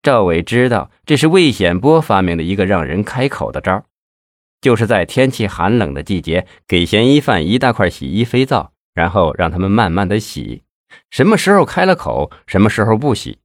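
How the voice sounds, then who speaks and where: A man narrating a crime novel in a lively storytelling manner. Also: deep voice, normal speed, no room sound, studio quality. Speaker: audiobook narrator. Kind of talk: scripted narration.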